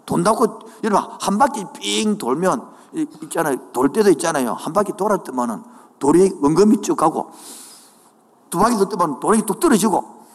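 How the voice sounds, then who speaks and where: Male pastor, Gyeongsang accent, high voice with wild swings in pitch, preaching in a reverberant church hall. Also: brisk. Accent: Gyeongsang Korean. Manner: animated preaching, dialect asides, builds to shouted declarations. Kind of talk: sermon. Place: church sanctuary.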